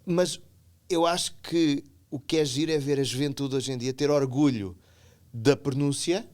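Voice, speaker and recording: A middle-aged man from the Algarve in Portugal, a podcast guest chatting in an animated way, repeating words as he goes. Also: medium pitch, moderate pace. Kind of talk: casual conversation.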